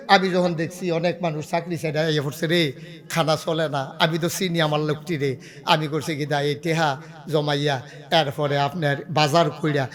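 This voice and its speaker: A middle-aged man with a Bangladeshi regional Bengali accent, preaching a waz sermon as a pir with impassioned delivery that swells to loud cries. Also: a little high.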